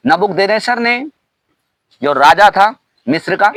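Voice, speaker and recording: A man pastor preaching a sermon, shouting hallelujah often and asking the congregation questions. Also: high-pitched, lively intonation, unhurried, no room sound, poor audio. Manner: preaching with frequent hallelujahs and call-and-response questions.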